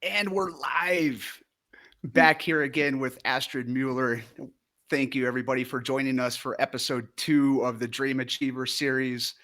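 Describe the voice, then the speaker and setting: Male host, enthusiastic, effusive, mid-pitched voice. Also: steady tone, moderate pace, bright, forceful tone. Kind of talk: live interview hosting.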